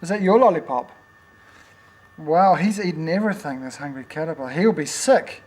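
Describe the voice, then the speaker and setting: A man's voice: a little high, normal speed, a little mellow, slight background noise. An older man, playfully reading picture books to a toddler at home, with teasing questions and animal noises.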